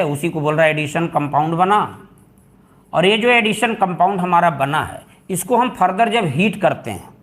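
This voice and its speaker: High-voiced male chemistry teacher, repeating points. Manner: repeats key terms, addresses students as beta; stresses what is important, mixes English terms into Hindi. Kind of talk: classroom lecture.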